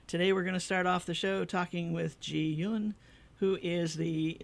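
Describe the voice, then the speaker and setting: This is a middle-aged woman from the Midwest hosting a laid-back radio interview. She is chatty, friendly and quick to laugh, and her voice has a gravelly edge. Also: on the low side, steady tone. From American Midwest. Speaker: radio show host.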